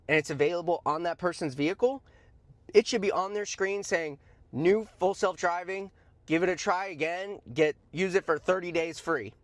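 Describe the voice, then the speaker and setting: The stock commentary host has a slightly high voice, recorded with no room sound. His conversational commentary is informal, opinionated, blunt and emphatic, peppered with slangy asides and repeated points for stress.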